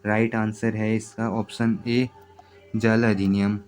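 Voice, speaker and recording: Low, monotone male tutor reading test questions and options, faint music underneath. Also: takes it slowly. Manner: steady, repetitive question-by-question reading. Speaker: exam prep teacher. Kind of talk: reading exam questions and answers.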